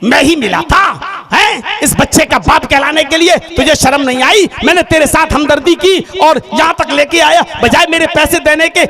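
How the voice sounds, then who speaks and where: A man voicing an angry male taxi driver who shouts and scolds in a high, strained voice. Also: lively intonation, moderate pace, long pauses, a crowd in the background. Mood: scolding.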